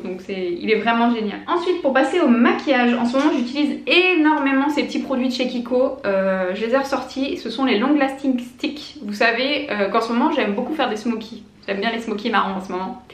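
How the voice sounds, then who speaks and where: Talking a little fast in a fairly high voice, this late-twenties beauty vlogger eagerly chats through a casual product review to camera. Fillers and restarts abound, and the space sounds reverberant.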